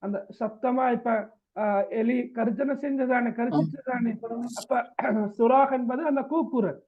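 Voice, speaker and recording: A man's voice: very high-pitched, measured pace. A man teaching an Arabic text in class, repeating each phrase and asking students to check they follow. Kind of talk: classroom translation lesson. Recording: tinny phone-like sound.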